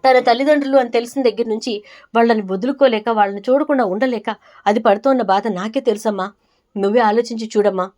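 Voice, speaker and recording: Earnest pleading son, read by a woman, higher voice. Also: fast talker, darkish tone, lightly acted. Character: grown son, pleading and reasoning with mother.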